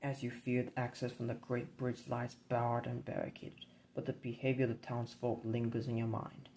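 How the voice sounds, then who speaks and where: A man narrating a dark board game campaign in a measured, grim storybook reading. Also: medium pitch, completely flat delivery, a little hiss or hum, poor audio.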